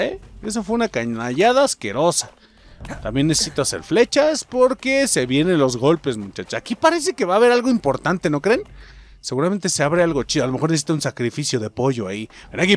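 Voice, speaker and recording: A young man with a Mexican accent giving casual, jokey gameplay commentary, swearing freely and talking straight to his viewers. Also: on the high side. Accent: Mexican Spanish. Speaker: gaming streamer. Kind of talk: casual let's-play commentary.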